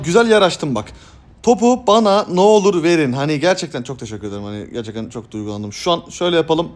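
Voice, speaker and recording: A young man commenting excitedly on his gameplay, hoarse from shouting, jumping between loud high yelps and low mumbled asides. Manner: bursts into loud high yelps and laughter, then drops to mumbling. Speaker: gaming streamer.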